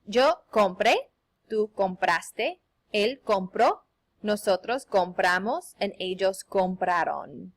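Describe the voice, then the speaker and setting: Young woman teacher, cheerful sing-song delivery, models examples slowly for the class, mid-range voice. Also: mid-range voice, animated. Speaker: Spanish teacher. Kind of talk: recorded classroom lesson.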